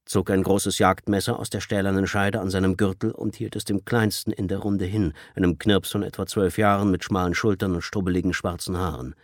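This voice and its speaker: A man narrating a tense audiobook with expressive storytelling. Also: low-pitched, brisk, hardly any pauses, no room sound, clean studio sound. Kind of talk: audiobook reading.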